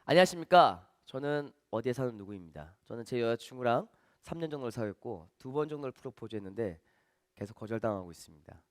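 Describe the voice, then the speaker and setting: A man's voice: medium pitch, lively intonation, quick pace, no echo, studio quality, lightly acted. A man voicing a young man who is making a subdued, solemn plea to win over his dying girlfriend. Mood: solemn pleading. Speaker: audience member at a magic show.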